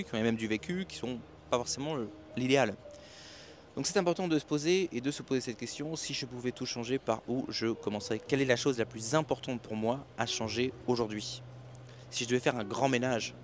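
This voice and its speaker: A man who runs a self-help and expat business YouTube channel gives his viewers a rambling motivational monologue at night by the sea, full of restarts and fillers. His voice is medium-pitched, with slight background noise.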